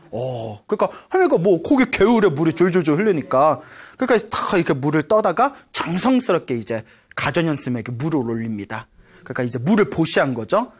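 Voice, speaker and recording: Lively Korean monk telling a dharma story. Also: male voice, fairly high pitch, breathy edge. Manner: lively storytelling, acts out dialogue; frequent rhetorical "예?" checks with audience. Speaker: Buddhist monk lecturer. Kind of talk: Buddhist dharma talk.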